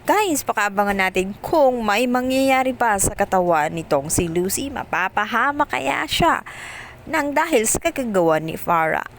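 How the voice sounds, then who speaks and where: A woman's voice: fairly high pitch, expressive. Woman, casual drama recap narration, filler-heavy, faint background hiss. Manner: fillers, quick storytelling.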